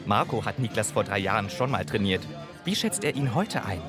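A man narrating a TV report in scripted narration, with a measured reporter's delivery. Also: fairly low pitch, sing-song. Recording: narration over loud music. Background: music.

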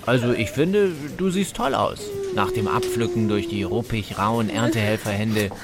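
Lively, down-to-earth talking lettuce. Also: male voice, on the low side, moderate pace, over music. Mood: consoling. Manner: colloquial, soothing, matter-of-fact. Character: down-to-earth consoling romaine lettuce. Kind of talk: comedy radio sketch.

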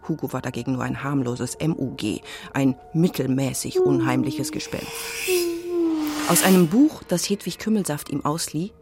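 A woman with a deep, darkish, exaggerated voice plays a nosy, gossipy neighbour who narrates a children's radio play, telling it in a confiding, suspenseful way over faint music.

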